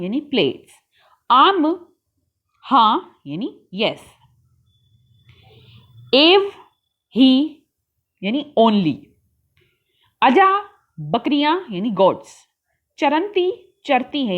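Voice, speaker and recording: Slow, lively-voiced woman teacher. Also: a little high, dull audio. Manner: reads each word then glosses it in Hindi and English; sounds out letters slowly. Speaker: Sanskrit teacher. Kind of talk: slow explanatory online lesson.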